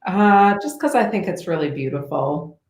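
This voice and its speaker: A shy woman answers in casual chat with a light laugh. Her voice sits low for a woman, and the room around her is echoey. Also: lively intonation, moderate pace, darkish tone.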